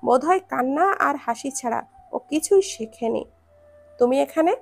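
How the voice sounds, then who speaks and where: A woman narrating a story with expressive storytelling. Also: high voice, normal speed, vocal fry, slightly rough.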